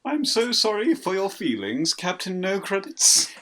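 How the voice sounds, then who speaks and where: A smug, posh teenage bully who sneers and taunts with every line, as a man puts him on while reading a novel with friends. His voice sits higher than his usual and lurches up and down in pitch. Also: big pitch swings, measured pace, pushed and bright, exaggerated voice. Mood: sneering. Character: posh, smug male teen gamer bully.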